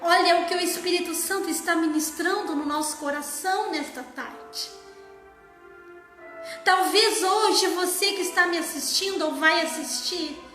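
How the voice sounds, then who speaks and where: A woman preaching a sermon, slow and emphatic, sometimes sliding into song. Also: very high voice, pushed and bright. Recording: echoey room.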